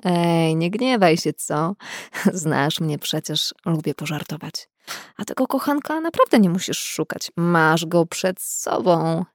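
A woman reading a mocking young male doctor, a prankster who teases loudly and chuckles as he talks. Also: lowish voice, big pitch swings, slow pace, dry recording, clean studio sound. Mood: coaxing. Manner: teasing, loud, chuckling.

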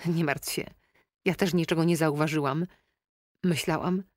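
A woman's voice: deep voice, fairly even intonation, a little slow, dry recording, clean studio sound. A woman reading an audiobook, voicing a heartbroken young woman who sounds tired and strained, sniffling through the call. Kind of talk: audiobook character voice.

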